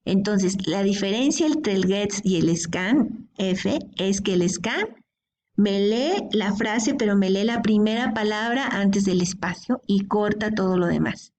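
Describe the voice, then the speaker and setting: A woman's voice: mid-range voice, slow pace, a little mellow. A woman teaching a programming class, explaining step by step and often checking in with her students. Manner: explanatory, checks in with frequent "¿sí?" and "¿de acuerdo?". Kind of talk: screen-recorded coding lesson.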